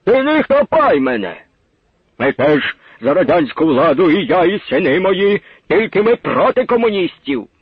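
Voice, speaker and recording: A man voicing an angry older peasant man in a heated village quarrel, shouting. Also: high-pitched, big pitch swings, normal speed, slightly rough, no echo, muffled recording, full character voice.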